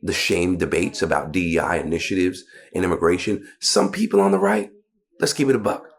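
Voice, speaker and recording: A male political commentator with a very low, deep voice. He delivers scripted news commentary in a pointed, conversational way, casually dropping in slang. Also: brisk, slightly rough.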